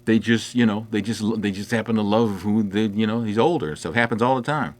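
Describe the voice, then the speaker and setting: At home indoors, a middle-aged man with a lowish voice talks briskly in a casual livestream chat. Rambling and conversational, he works through viewer comments with many fillers, especially "you know."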